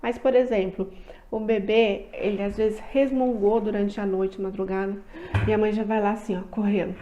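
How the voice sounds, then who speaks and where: A woman with a Brazilian accent giving calm advice to parents, often checking in with "tá?". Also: medium pitch, normal speed, muffled recording, slight background noise. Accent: Brazilian Portuguese. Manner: gentle advice with frequent "tá?" check-ins. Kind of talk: talking to parents.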